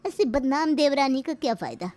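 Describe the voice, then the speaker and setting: A woman voices a fussy middle-aged cartoon mother who gossips and warns her daughter bossily. The voice is high and very lively, with faint music underneath. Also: moderate pace. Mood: warning. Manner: bossy, warning.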